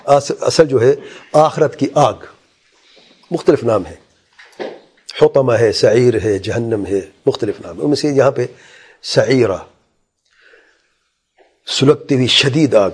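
Male religious teacher with a husky voice giving a Quran exegesis lesson; lifts into chanted recitation, then explains plainly. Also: medium pitch, pauses often, a little mellow. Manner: asks the listeners rhetorical questions.

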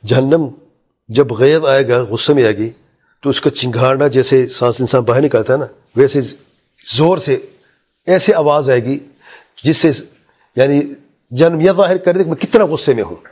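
Husky-voiced male Quran teacher. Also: medium pitch, pauses often, a little mellow. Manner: recites Arabic verses in a raised chant, then explains them plainly; asks the listeners rhetorical questions. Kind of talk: Quran exegesis lesson.

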